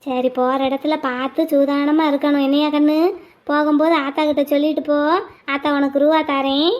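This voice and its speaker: A woman voicing an old village grandmother, slow and doting yet quick to scold. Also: sits high, flat delivery, pitched below the performer's own voice, close to an everyday voice. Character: old village grandmother, fond and sharp-tongued.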